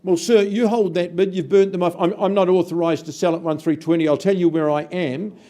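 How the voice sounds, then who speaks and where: A man's voice: sits high, fairly even intonation, brisk, dark tone. A New man calling an auction, chatty and teasing the bidders between calls. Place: auction room.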